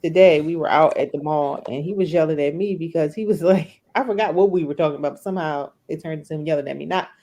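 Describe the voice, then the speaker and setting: Deep-voiced woman telling a lively story. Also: fast, few pauses. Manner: lively storyteller, laughs easily. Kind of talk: casual chat.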